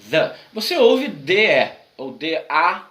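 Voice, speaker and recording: A man's voice: on the high side, very animated, slow pace, pushed and bright, echoey room, rough recording. A man from Brazil teaching an online English grammar lesson, explaining patiently and repeating examples.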